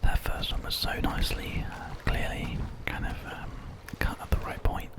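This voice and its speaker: Whispering breathily right up against the microphone, a British ASMR host and gamer talks through a game in a gentle, unhurried way.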